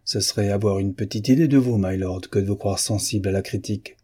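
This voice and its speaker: A man putting on a sharp-tongued sardonic lady. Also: lowish voice, a little fast, slightly rough. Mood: mock-polite. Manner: cutting, ironic. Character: sharp-tongued satirical woman over thirty.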